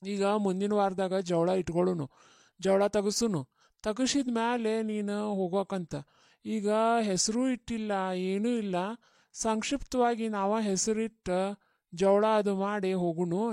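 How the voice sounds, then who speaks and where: A woman voicing a middle-aged mother in a cartoon, steady and coaxing, with a North Karnataka Kannada accent. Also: medium pitch, measured pace, no room sound, studio quality, lightly acted. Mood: consoling. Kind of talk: cartoon voice acting.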